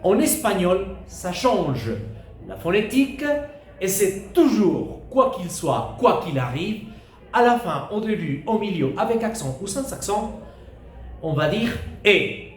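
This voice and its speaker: A man teaching a beginner lesson, speaking slowly and carefully and repeating sounds for pupils to echo. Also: high voice, very animated. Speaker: Spanish teacher. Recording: echoey room with faint hiss.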